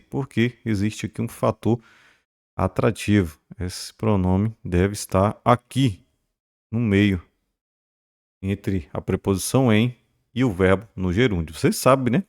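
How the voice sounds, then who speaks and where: Brazilian male teacher, emphatic and lowish. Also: lively intonation, darkish tone, dry recording, studio quality. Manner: pointing things out, frequent checks like "beleza?" and "né?"; emphatic, repeats key words slowly. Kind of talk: grammar lesson at a board.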